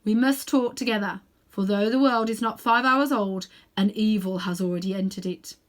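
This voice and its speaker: A woman voicing a strong, majestic male lion ruler, speaking in a solemn, measured, commanding way for a storybook. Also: mid-range voice, natural voice. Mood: grave, commanding.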